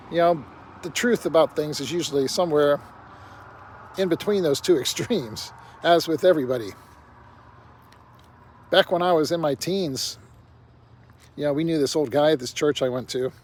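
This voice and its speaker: A man's voice: a little high, darkish tone. An older man talking bluntly to camera in a rambling casual monologue, peppered with "you know". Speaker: vlogger. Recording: faint outdoor traffic noise.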